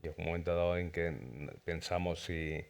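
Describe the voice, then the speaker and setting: A man with a very deep voice and an Aragonese accent, speaking in a festival press interview. He explains at length, repeating words and restarting often as he goes. He is from Zaragoza and talks as the creator of a series. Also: steady tone, fairly quick, creaky. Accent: Aragonese Spanish. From Zaragoza, Spain.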